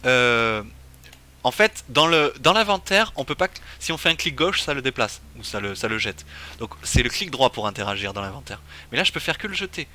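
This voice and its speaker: A man's voice: mid-range voice, animated, a little fast, sharp tone. A man streaming a game, commenting casually and thinking aloud with many fillers. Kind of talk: casual let's-play commentary.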